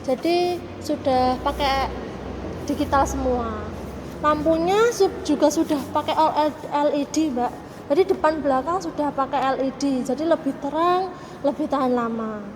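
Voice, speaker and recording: A woman's voice: sits high, moderate pace. A woman speaking as a showroom salesperson in a polite, formal customer service voice. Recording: reverberant, noisy room with vehicle sounds.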